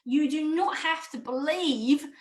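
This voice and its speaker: A mindful eating coach delivers an online course talk in a high, bright voice at a measured pace. She is direct and emphatic, hammering her points home through repetition, and the sound is roomy and echoey.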